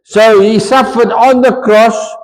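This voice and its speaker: A South African man preaching in a lively, conversational way, switching between English and Afrikaans as he goes. His voice sits high for a man, and it rings with the long reverb of a church hall. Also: takes it slowly. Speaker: pastor. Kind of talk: sermon.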